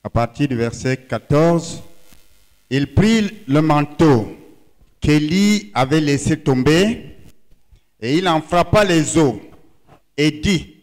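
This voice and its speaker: A man in the congregation reading a scripture passage aloud, slowly and carefully. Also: fairly high pitch, expressive, darkish tone, in a large hall, rough recording.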